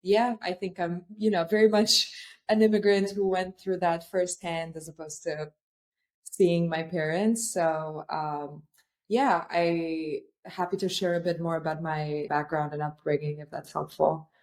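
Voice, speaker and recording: Low-voiced woman from Albania, reflective. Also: level tone, a little slow, a little mellow. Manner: thoughtful, many fillers and restarts. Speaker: guest, startup founder. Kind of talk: podcast interview.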